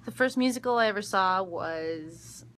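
Young actress, casual live-stream chat, bright tone, chatty with lots of ums. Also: female voice, medium pitch, normal speed. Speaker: actress answering fan questions. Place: backstage dressing room. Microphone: phone livestream.

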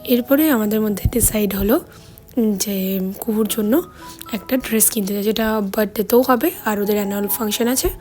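A hoarse woman, chatting casually as she narrates her daily vlog. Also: mid-range voice, moderate pace, darkish tone, faint music behind. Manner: chatty, storytelling. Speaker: vlogger.

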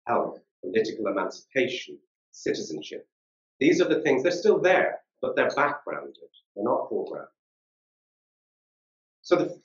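A man delivers a formal academic keynote in a measured, steady voice at middle pitch. The sound is roomy, with the echo of a conference hall, and slightly dull like a live-stream recording. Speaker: keynote speaker.

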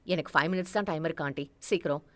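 A woman reading a story aloud voices a busy young wealthy man who talks in a hurried, brisk way. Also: low-pitched, pitched below the performer's own voice, lightly acted.

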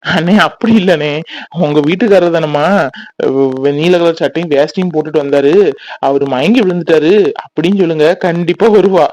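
A man's voice: on the high side, a little fast, a little mellow, no echo, lightly acted, poor audio. A man voicing a playful young husband. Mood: scheming. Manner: teasing and playful. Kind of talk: Tamil cartoon voice acting.

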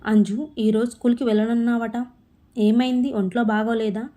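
A woman voicing a middle-aged father who speaks briskly and a little uneasily, in a storybook reading. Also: on the high side, flat delivery, warm tone, natural voice. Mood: tender.

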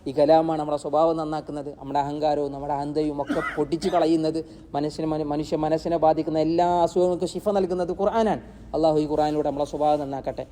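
A man teaching a Quran lesson, posing rhetorical questions and answering them himself, and reciting Arabic verses slowly. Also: on the high side, level tone, mellow, slight background noise.

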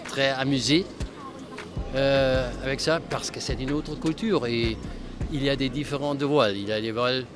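An older man speaks at a measured, halting pace into a handheld mic in a city square, choosing his words with care. Music plays clearly behind him. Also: mid-range voice, steady tone. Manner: slow, careful, halting phrasing. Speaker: interviewee. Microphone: handheld mic held by interviewer.

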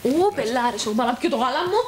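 A woman with a Cypriot Greek accent playing a pushy young family member who nags and shouts. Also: fairly high pitch, expressive, slight background noise, close to an everyday voice. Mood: nagging. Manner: nagging and loud.

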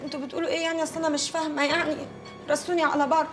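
A frightened, pleading Egyptian informant, wailing in a very high voice and spilling words out very fast. Dramatic music plays under her. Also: level tone. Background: music score.

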